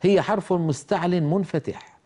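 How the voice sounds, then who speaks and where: A man gives a tajweed lesson, explaining rules and demonstrating pronunciation. His voice is mellow and warm and sits a little high. He moves between plain explanation and slow chanted examples. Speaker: Quran recitation teacher.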